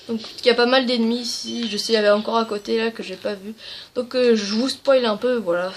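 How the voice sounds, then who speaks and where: A woman hosting a video game channel, giving a casual, rambling game tutorial full of fillers and apologies. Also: on the high side. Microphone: tablet.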